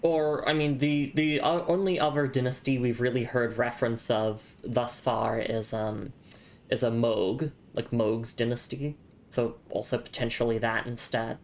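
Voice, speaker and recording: A woman's voice: a bass voice, steady tone, a little slow, darkish tone, slight background noise. A woman streaming a game with a sick voice, chatting casually, laughing often and reading messages aloud; she notes that her accent makes her hard to understand. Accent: non-standard English accent. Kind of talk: casual live gameplay chat.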